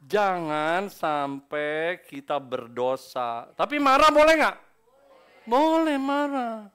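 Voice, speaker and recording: Male pastor, sermon delivery, playful, swings from muttered asides to loud outbursts, slightly high voice. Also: sing-song, slow pace, clear, resonant tone. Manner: playful, acts out quoted people. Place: church service.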